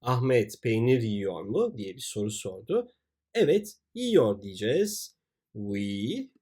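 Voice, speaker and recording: Lively-pitched man teaching slowly. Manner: reads French examples slowly, then explains them. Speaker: French teacher. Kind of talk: grammar lesson with worked exercises.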